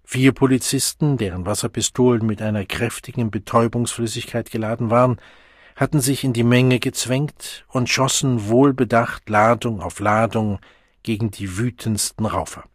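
A man narrating a novel aloud as an audiobook reader, in a measured, deliberate way. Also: medium pitch, steady tone, husky, dry recording, studio quality. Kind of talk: scripted narration.

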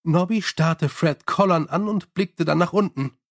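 Man narrating a wry comic audiobook. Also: a little high. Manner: measured, wry storytelling. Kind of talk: scripted narration.

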